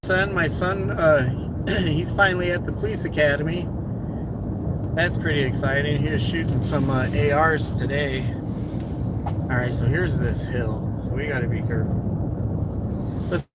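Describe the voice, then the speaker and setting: A man's voice: a little high, fairly even intonation, measured pace, long pauses. A middle-aged man from Hawaii and California, chatting casually and rambling to his viewers while driving. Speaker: vlogger. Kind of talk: casual driving vlog, talking to live viewers. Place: inside a vehicle driving on snowy roads. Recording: car recording with loud road noise, voice off-mic.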